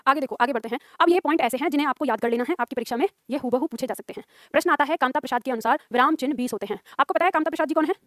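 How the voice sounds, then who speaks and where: A woman's voice: sits high, very fast, no room sound, studio quality. A woman teacher giving a lecture to students, explaining with examples and repeating lines for them to write down. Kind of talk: classroom lecture.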